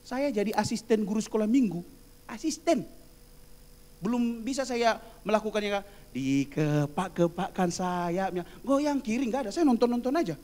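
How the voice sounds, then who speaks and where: Laughing often, a middle-aged man from Indonesia delivers a funny sermon as a preacher, performing the voices of people he quotes in his stories. He talks a little quickly, with a very high voice that has a dark tone.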